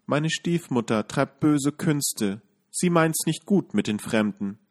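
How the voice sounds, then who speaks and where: A man voicing a young girl who speaks softly with a sad voice. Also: mid-range voice, expressive, takes it slowly, voice pushed up. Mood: sighing. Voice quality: soft, sorrowful.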